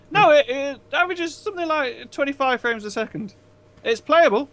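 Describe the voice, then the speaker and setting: A man co-hosting a casual gaming podcast, relaxed and rambling with lots of fillers. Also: very high voice, moderate pace. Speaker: podcast co-host. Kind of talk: casual chat.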